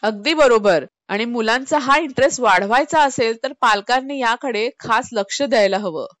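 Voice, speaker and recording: A woman's voice: on the high side, moderate pace, a bit bright, dry recording. Woman radio co-host agreeing. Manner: agreeing, explanatory. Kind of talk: scripted educational radio chat.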